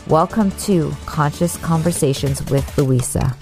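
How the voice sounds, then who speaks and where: Low-voiced enthusiastic woman host. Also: a little slow, over music. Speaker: podcast host. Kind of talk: scripted intro, then interview chat.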